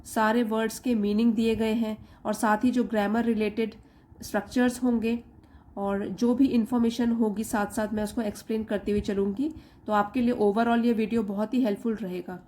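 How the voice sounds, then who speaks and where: A woman teaching an English reading lesson, reading English slowly word by word and explaining each part briskly. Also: fairly high pitch, little pitch movement, dark tone.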